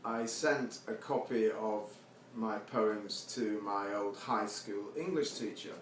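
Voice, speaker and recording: A man with a fairly low voice reads his own poems at a live event, speaking slowly and introducing each piece casually with wry, self-mocking humour. The audience is seated, and the recording is distant, echoey and noisy.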